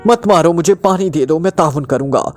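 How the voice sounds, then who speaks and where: A man's voice: normal speed, soft background music, close to an everyday voice. A man doing a terrified, stammering doctor. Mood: panicked pleading. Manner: pleading, stammering, shrill. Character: terrified, beaten male doctor begging.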